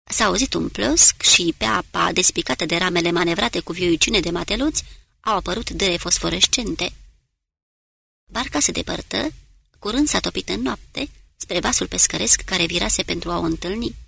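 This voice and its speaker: Gravelly-voiced woman narrating an audiobook. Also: lowish voice, dry recording. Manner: steady, measured reading of prose. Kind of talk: scripted narration.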